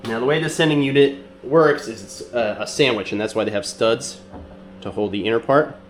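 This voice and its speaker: A man with a nasal, congested voice from being sick, calmly walking through a repair step by step with frequent ums and uhs. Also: mid-range voice, a little fast, a little hiss or hum. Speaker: mechanic demonstrating a repair. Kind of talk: casual how-to demonstration.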